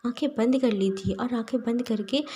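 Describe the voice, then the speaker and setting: A bubbly, cheeky young man who teases and coaxes in a slightly raised voice, as a woman storyteller puts him on. The tone is mellow and a little husky, with a soft, airy edge. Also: on the high side, normal speed. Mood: playful. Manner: teasing, coaxing.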